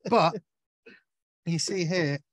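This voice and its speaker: A man's voice: a little high, slow pace, fairly bright tone, dry recording. Man, co-host, casual chat, curious, self-deprecating, dry. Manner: chatty, asks questions, self-deprecating. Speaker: butcher co-host. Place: outdoors at a barbecue.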